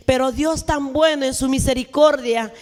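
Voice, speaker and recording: A woman's voice: high-pitched, normal speed, a little mellow. A woman from Peru gives an earnest, emotional testimony in church, her voice rising as she pleads. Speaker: church member giving testimony. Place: church hall with music behind. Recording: reverberant church hall.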